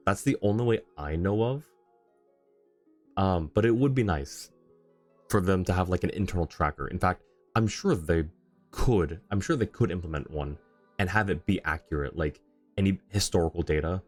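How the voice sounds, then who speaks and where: Video game music plays behind a man whose voice sits low as he chats casually on a game livestream. He rambles and thinks aloud while reading his chat.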